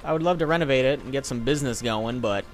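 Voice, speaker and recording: A man's voice: medium pitch, quick pace. A young man casually commenting on his gameplay, sarcastic and swearing, joking at his own mistakes. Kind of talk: casual let's-play commentary.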